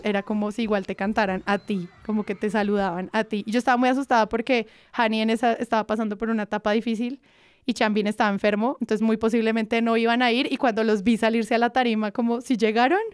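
A woman, co-hosting a podcast and gushing excitedly in casual chat. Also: fairly high pitch, smooth, dry recording. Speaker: podcast co-host.

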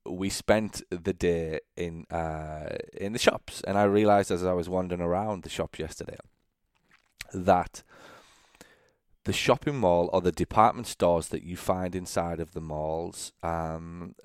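Brief: young adult male podcast host, very low voice, chatty solo monologue, dry close sound. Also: steady tone, unhurried, darkish tone, clear, resonant tone, no echo. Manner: conversational, checks in with "okay?", frequent fillers and restarts.

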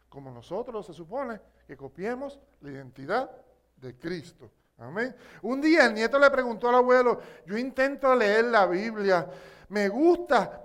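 A man's voice: high voice, a bit bright. A man with a Puerto Rican accent preaching a sermon, telling a story with call-and-response asides to the congregation. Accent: Puerto Rican Spanish.

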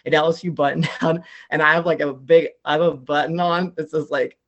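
A man's voice: on the high side, a little fast, highs cut off. A man guest on a casual talk show, telling a long story full of "like" fillers. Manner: rambling, many "like" fillers, animated retelling. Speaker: podcast guest.

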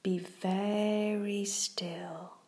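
Speaking in a breathy, soft half-whisper, this children's relaxation show host guides listeners through a meditation with slow, calming phrasing. Her pitch sits in the medium range and barely moves.

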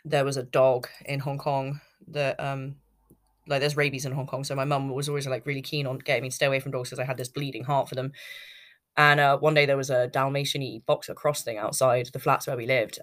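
A woman's voice: a bass voice, level tone, fairly quick. British female podcast host, thirties. Unscripted personal storytelling, conversational and meandering, often interrupting herself. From United Kingdom. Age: 30s. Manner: rambling, chatty, self-interrupting.

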